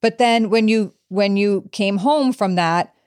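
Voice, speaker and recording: Female host, interviewer; probing, recapping, clear smooth voice. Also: medium pitch, measured pace, a little mellow. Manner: probing, recaps the guest's story with restarts. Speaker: podcast host. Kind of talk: interview questions.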